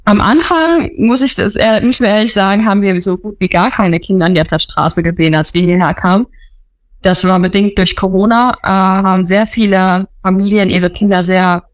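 A missionary in her thirties tells her story in a casual interview, her mid-range voice moving at normal speed in a dry recording. She sounds earnest, often searching for words and restarting her sentences.

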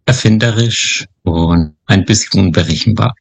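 A man in his thirties from Upper Franconia, a missionary guest speaking calmly and quietly in a podcast interview, with some hesitations. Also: sits low, normal speed, vocal fry, dry recording. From Upper Franconia, Germany. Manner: calm, quiet, hesitant with fillers.

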